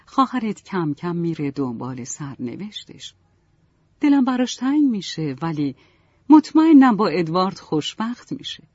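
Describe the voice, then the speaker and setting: A woman voicing a kindly middle-aged mother in a storybook reading, speaking gently. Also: fairly low pitch, big pitch swings, slightly rough, dry recording. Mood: motherly. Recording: dull, dry, lo-fi.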